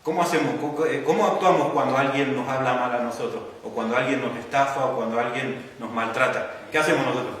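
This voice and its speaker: A man's voice: medium pitch, quick pace, few pauses, fairly bright tone. A man with an Argentine accent preaching a sermon, teaching patiently and checking in with the congregation with frequent "¿no?" questions. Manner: teacherly, asks the congregation questions and tags lines with "¿no?". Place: church hall. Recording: echoey church hall from a distance.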